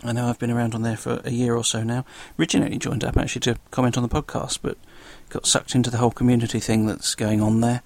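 A man with a South London accent talks quickly and casually as a stand-in podcast host. His voice has a creaky edge and is recorded close and dry. He keeps up a wry, self-deprecating humour. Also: medium pitch, flat delivery, dry recording. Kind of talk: casual solo podcast talk.

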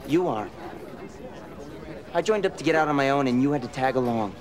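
A man's voice: medium pitch, animated, a little fast, a crowd in the background, close to an everyday voice. A man playing a brash young infantry recruit in a film. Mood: irritated. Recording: film soundtrack with clear background noise.

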